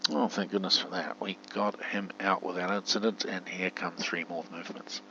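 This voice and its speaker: A deep, gravelly man commentates casually on a simulator game, mixing in spoken radio commands. He talks at a normal speed with a flat delivery, in a muffled, dull home recording carrying a faint hum.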